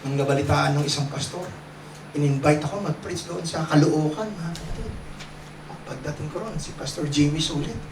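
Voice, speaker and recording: A man's voice: a little high, normal speed, noisy background. A man preaching as a pastor, joking and calling for amens from his congregation. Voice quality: joking, lively preaching with call-and-response. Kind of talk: sermon. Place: church hall with a congregation. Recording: roomy, distant mic, congregation.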